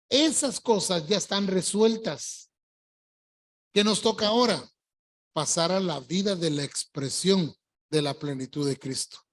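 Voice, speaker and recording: An older pastor preaches to his congregation with an emphatic delivery. He stretches the words he wants to land and calls out to his listeners. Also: high voice. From Colombia. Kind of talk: evangelical sermon. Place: church service.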